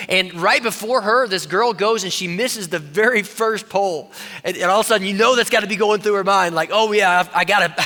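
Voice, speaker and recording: A male pastor preaching a sermon in a conversational way, dropping low and quiet when quoting God. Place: church auditorium. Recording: long reverb of a church hall.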